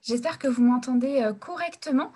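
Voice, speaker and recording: A woman's voice: high voice, a little fast, mellow, husky. A woman hosting a live webinar over a video call, introducing a guest and giving practical instructions, with frequent fillers and restarts. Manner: hesitant, many fillers and restarts. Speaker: webinar host and support worker.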